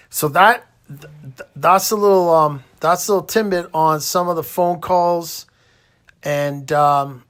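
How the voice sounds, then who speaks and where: Still hosting, the middle-aged man with a Canadian accent recounts his hospital stay in a loose, colloquial storytelling ramble. His voice is a little high and its tone fairly bright.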